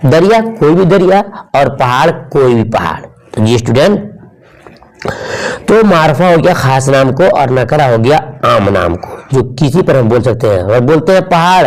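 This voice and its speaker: A man's voice: on the high side, darkish tone, poor audio. A man teaching an exam-prep grammar lesson, asking questions and answering them himself in a drilling manner. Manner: urges students to like the video.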